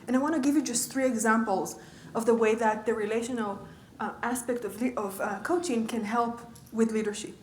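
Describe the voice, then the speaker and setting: Female coach lecturing a class, engaging tone, slightly high voice, roomy recording. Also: steady tone, fairly quick, hardly any pauses, slight background noise. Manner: engaging, checks in with the audience often. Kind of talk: conversational lecture. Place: lecture room.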